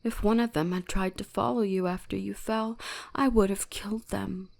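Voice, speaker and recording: A woman plays an ancient, possessive kitsune shrine spirit in intimate ASMR roleplay, gently dominant and breathy, often whispering in a soothing yet commanding way. Her mid-range voice has fairly even intonation at a normal speed and sounds natural, with a protective, stern mood.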